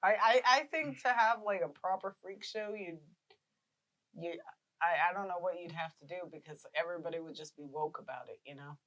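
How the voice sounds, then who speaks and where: A woman's voice: lowish voice, brisk, a bit bright. Woman, podcast co-host, teasing, laughs often, short quips. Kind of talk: casual chat.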